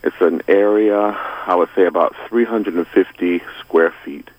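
A man with a Brooklyn accent, speaking earnestly and deliberately as a caller in a casual radio conversation. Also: deep voice, a little mellow, slight background noise, low-quality recording. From Brooklyn, New York.

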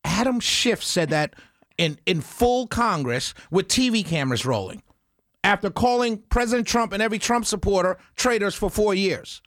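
A radio talk show host ranting with fiery indignation, swinging between loud outbursts and low mutters. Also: male voice, animated, moderate pace, no room sound, clean studio sound. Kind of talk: impassioned talk radio rant. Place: radio studio.

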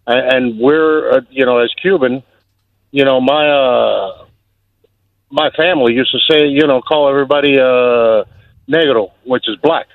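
A man's voice: medium pitch, a little slow, dry recording. A man from Miami calling a radio show, talking casually and rambling with lots of fillers. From Miami, United States. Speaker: caller. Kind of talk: phone-in comment. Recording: tinny phone line.

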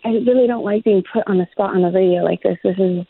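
Woman, over the phone, tinny line, blunt, guarded, mid pitch. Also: fast talker, no room sound. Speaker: person called on air.

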